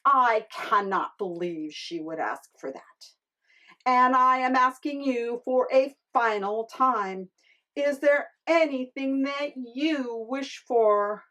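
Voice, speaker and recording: A woman voicing a solemn, wise magic fish in a storybook tale, with a grave, measured, drawn-out delivery. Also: high-pitched, bright, forceful tone, full character voice, poor audio. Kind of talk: storybook character acting.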